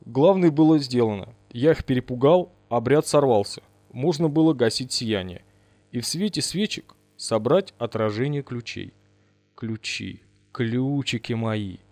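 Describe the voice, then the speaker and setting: A man reading a first-person audiobook in measured, dramatic storytelling. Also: medium pitch, darkish tone, no room sound. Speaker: audiobook reader.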